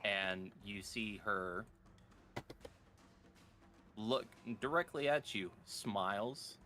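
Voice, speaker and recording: A man narrating a tabletop game as game master, describing scenes slowly. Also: fairly low pitch, sharp tone, soft background music.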